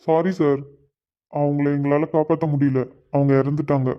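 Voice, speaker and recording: A man's voice: a little high, flat delivery, moderate pace, slight background noise, natural voice. A man voicing a hospital doctor in a cartoon, firm and formal. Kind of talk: Tamil cartoon voice acting. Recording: dull lo-fi audio.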